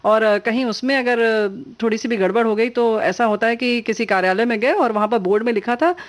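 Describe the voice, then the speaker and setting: A woman's voice: a little high, brisk. A woman co-hosting a radio talk show, telling little anecdotes in a chatty, playful way. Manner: storytelling with playful examples.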